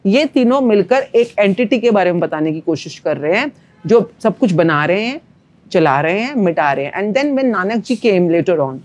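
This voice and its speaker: A woman's voice: medium pitch, expressive, moderate pace, a little mellow. Woman, manifestation coach, podcast guest, teacherly, earnest, uses analogies. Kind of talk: spiritual podcast conversation.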